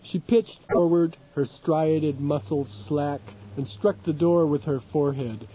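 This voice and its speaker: A man reading an audiobook in a steady, measured narration. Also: on the high side, slight background noise. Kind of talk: scripted narration. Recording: dull lo-fi recording.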